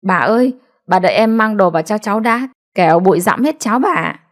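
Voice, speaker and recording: A woman's voice: medium pitch, animated, a little fast, close to an everyday voice. Woman as a timid, polite old grandmother. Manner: polite, hesitant, soft-spoken. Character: gentle humble elderly grandmother, timid.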